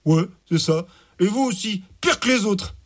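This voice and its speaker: Brief: a slangy, dim-witted thug with a high, mocking voice, as a storyteller puts him on. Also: male voice, animated, moderate pace. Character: dim-witted crude male desert thug.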